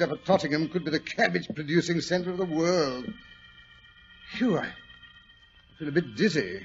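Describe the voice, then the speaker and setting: An actor playing Doctor Watson as a genial, excitable English gentleman in 1940s radio style, blustering and muttering to himself with a British accent. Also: medium pitch. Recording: muffled, noisy old radio recording.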